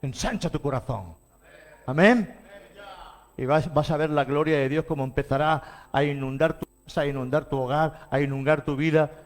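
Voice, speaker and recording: A middle-aged man with a Spain Spanish accent, preaching a sermon as pastor, fervent, with big swings in pitch and loudness. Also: steady tone, moderate pace.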